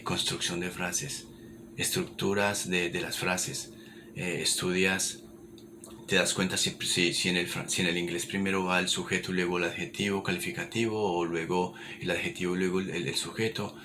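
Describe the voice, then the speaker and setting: Deep-voiced man, noisy recording. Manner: repetitive, encouraging, many restarts. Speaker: English teacher. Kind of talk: informal spoken lesson. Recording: noticeable background noise.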